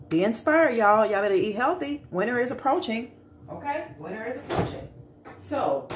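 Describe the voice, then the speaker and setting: In an echoey home kitchen with noise in the background, a middle-aged American vlog host talks casually to her viewers during a cook-along video. The camera is set a little way off. She speaks at a medium pitch with a slightly mellow quality.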